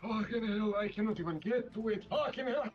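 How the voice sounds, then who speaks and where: A man's voice: sits high, brisk, slightly rough, highs cut off, soft background music. A man playing in a tabletop game, swearing often and sounding exasperated. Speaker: player.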